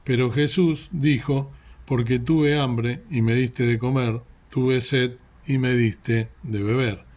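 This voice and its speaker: A man's voice: medium pitch, steady tone, slow, a little mellow. A man giving an earnest sermon reflection, often asking rhetorical questions. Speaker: preacher.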